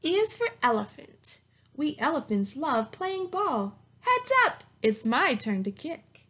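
A woman in her thirties, a teacher, reads a picture book aloud to young children, asking simple questions and offering praise in an encouraging, sing-song way. Her high-pitched, slightly bright voice swings widely in pitch and moves slowly. She's in a small plain room at home, recorded on a webcam or laptop mic at arm's length.

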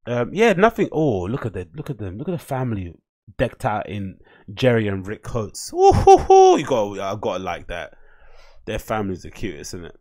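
His voice sits on the low side and is a little mellow, with wildly swooping pitch at a moderate pace. Hosting a laid-back solo podcast from a small home room, he rambles chattily into a boom-arm desk mic and reads captions out in put-on voices.

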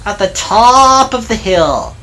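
A woman narrating a homemade train story in an unhurried, sing-song way. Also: mid-range voice, big pitch swings, pushed and bright, slight background noise.

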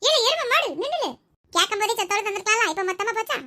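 Woman doing a bratty teen brother, yelling and teasing, very high, Tirunelveli accent. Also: lively intonation, rapid-fire, exaggerated voice. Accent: Tirunelveli Tamil. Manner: loud, teasing, shouting. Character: cheeky teasing teenage boy pestering his sister.

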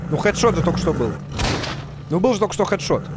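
A man in his thirties doing casual live game commentary, joking and swearing as he reacts out loud. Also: sits high, big pitch swings, fast, very noisy. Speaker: game streamer. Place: indoor room, streaming setup. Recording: music and game sounds behind. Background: game music and effects.

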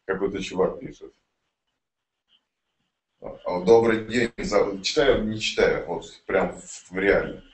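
A man's voice: low-pitched, fairly even intonation, slow pace, long pauses. A man chatting casually to viewers and reading messages aloud, blunt and given to swearing. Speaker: promoter of an online investment project. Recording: roomy, distant mic, light background noise.

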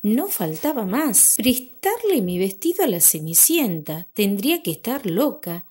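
A woman's voice: medium pitch, very animated, unhurried, darkish tone, husky. A woman voicing a haughty, scornful young stepsister in a storybook reading, with an indignant, mocking manner.

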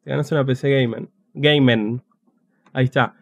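A man's voice: medium pitch, fairly even intonation, normal speed, vocal fry, no echo. A man with a Rioplatense Spanish accent, commentating a game on a live stream in a chatty, joking way, talking to his chat. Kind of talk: casual livestream gameplay commentary.

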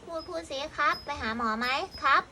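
A woman's voice: high-pitched, fairly quick, bright, forceful tone, a little hiss or hum. A woman chatting casually and playfully, coaxing a cat with short repeated phrases. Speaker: cat vlogger talking to a stray cat and viewers. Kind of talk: casual pet chat, cooing questions to a cat.

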